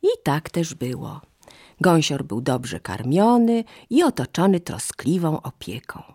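A woman reading a fairy tale aloud in a slow, expressive storytelling manner. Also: deep voice, breathy edge, dry recording, studio quality.

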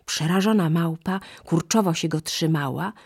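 A woman reading a children's animal story aloud, slow and expressive. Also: low voice, vocal fry, slightly rough, no room sound, studio quality.

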